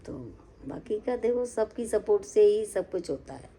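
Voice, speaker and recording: A woman's voice: medium pitch, animated, moderate pace, mellow, a little hiss or hum, rough recording. A middle-aged woman chatting casually to viewers in a home vlog, speaking to them as friends and family. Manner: chatty, addresses viewers as sister and brother. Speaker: home vlogger.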